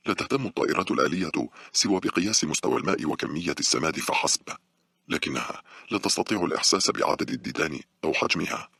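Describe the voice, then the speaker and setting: Very deep gravelly male audiobook narrator. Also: lively intonation, racing, pushed and bright, no echo, studio quality.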